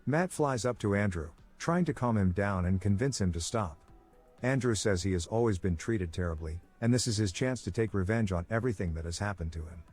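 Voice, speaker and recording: A man giving a scripted narration, with a steady, even storytelling delivery. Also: fairly low pitch, fairly quick, soft background music. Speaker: movie recap narrator.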